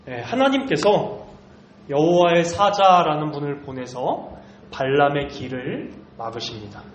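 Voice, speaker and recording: Guy telling a bible story to kids, upbeat, echoey room, kinda dull sound, faint hiss. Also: fairly high pitch. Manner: lively, talks to the children directly. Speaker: children's ministry teacher. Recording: roomy, slightly muffled recording.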